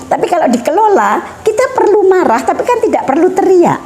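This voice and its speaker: A middle-aged woman explaining family topics in a measured, steady way. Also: very high-pitched, slight background noise. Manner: measured, explanatory, mixing in Javanese phrases. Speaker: guest speaker on family education. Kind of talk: educational talk.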